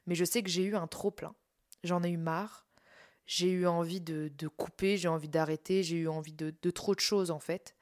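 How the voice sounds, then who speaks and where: A woman's voice: fairly low pitch, fairly even intonation, normal speed, darkish tone. A young woman with a tired voice, candidly talking through a personal podcast, laughing at herself and trailing off on fillers. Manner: candid, self-mocking, laughs through serious points, many fillers and restarts. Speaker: podcast host and content creator. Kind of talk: casual personal podcast monologue.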